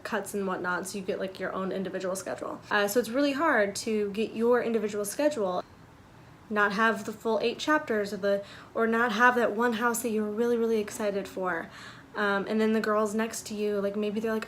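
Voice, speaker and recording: Woman in her twenties, higher-pitched voice, casual advice vlog, conversational, lots of filler "like", noticeable room noise. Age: 20s. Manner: conversational, peppered with "like" and "you know". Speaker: vlogger giving sorority recruitment advice. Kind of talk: casual chatty advice talk to camera. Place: small furnished bedroom, indoors. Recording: clear background room noise.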